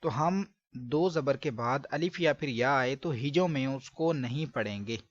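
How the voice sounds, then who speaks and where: Slow patient male recitation teacher. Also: mid-range voice, no room sound. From Pakistan. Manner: patient, drawn-out syllable drills. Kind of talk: step-by-step recitation lesson. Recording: dry, dull lo-fi recording.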